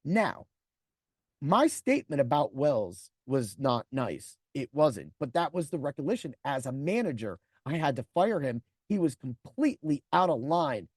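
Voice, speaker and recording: A man's voice: mid-range voice, very animated, unhurried, darkish tone, dry recording, clean studio sound. A man in his forties, a podcast host, telling a profane personal story and acting out the people in it. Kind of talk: storytelling monologue.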